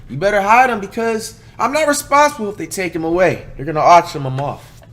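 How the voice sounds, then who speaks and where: A man hosting a reaction video, talking loudly and excitably in casual, profane slang. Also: sits high, fairly quick.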